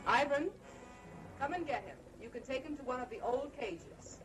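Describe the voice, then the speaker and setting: An actress playing a cold, confident mad scientist in an old horror film, speaking in a clinical, imperious, deliberate way. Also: female voice, high-pitched, expressive, over music, rough recording. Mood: commanding. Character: cold, confident female mad scientist breeding obedient slaves.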